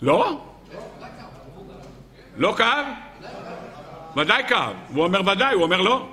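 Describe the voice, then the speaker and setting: A man preaches a sermon with a high, very bright and piercing voice. He keeps asking the audience questions and answering them himself, with a joking touch. The sound carries a long reverb from the hall. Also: big pitch swings. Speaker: rabbi giving a Torah talk. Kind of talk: sermon with storytelling.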